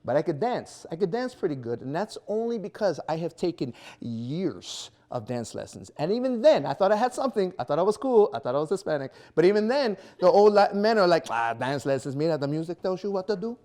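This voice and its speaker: Animated man in his thirties doing stand-up. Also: sits high, a little fast, hardly any pauses. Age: 30s. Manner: animated, self-mocking, acts out little scenes. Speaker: stand-up comedian. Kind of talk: stand-up comedy set. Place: small performance venue before a live audience.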